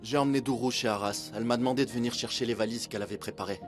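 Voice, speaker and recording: A man's voice: mid-range voice, rapid-fire, faint music behind, lightly acted. A man dubbing a polite, deferential household driver in a TV drama. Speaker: dub actor. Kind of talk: French dub of a TV drama.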